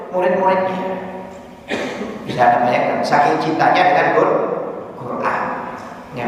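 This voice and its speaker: Indonesian guy preaching at a mosque, bit high voice, big echoey hall, sounds far off the mic. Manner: storytelling with rising excitement and repeated "ya". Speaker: preacher leading a study circle. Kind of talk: religious lecture.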